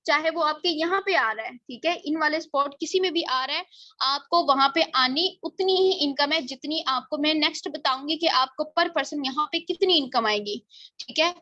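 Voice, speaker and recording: A woman's voice: sits high, moderate pace, pushed and bright, dry recording. A woman explains a plan in a casual lesson, often asking rhetorical questions and checking "okay?". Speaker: presenter explaining a marketing plan. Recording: dull, slightly lo-fi dry recording.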